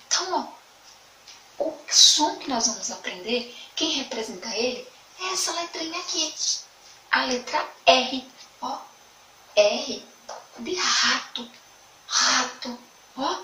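A woman teacher with a Sergipe Brazilian accent gives an online lesson to young children, speaking in a slow, sing-song way and repeating words. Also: high voice, expressive, bright, forceful tone. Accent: Sergipe Brazilian Portuguese. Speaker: primary school teacher. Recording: echoey room, mic at a distance, faint background noise.

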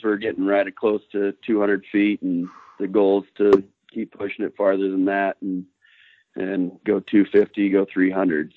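Flat-voiced young man on a phone line. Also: on the low side, dry recording. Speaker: guest, backcountry snowmobile rider. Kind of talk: casual podcast interview. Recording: thin phone-like line, dry.

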